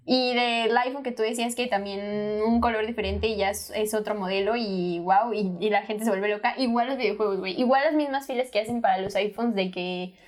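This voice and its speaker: A woman's voice: medium pitch, fairly quick, hardly any pauses. A young Mexican woman co-hosting a casual podcast chat, telling stories with lots of slang and teasing. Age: young adult. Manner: lively storyteller, slangy and teasing. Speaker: podcast co-host.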